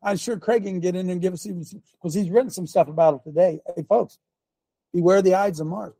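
An older male show host preaches emphatic commentary in a high, gravelly, husky voice with a dark tone, speaking a little fast. He repeats points, fires rhetorical questions at listeners and clears his throat, all recorded close and dry with no room sound.

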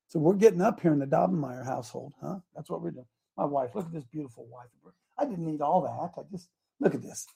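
An older man hosts a morning talk show in a gravelly, hoarse, raspy voice that's a little high and warm in tone. Folksy and emphatic, he preaches and repeats his phrases.

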